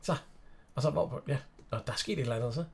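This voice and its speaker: A man's voice: mid-range voice, vocal fry, heavy background noise. A man with a Danish accent casually retelling a film in conversation, hesitating and searching for words.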